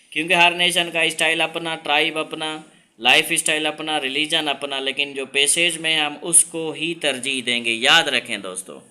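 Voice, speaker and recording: A man teaching an English reading lesson, reading English lines slowly and then explaining them in Hindi-Urdu. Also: on the high side, bright, forceful tone.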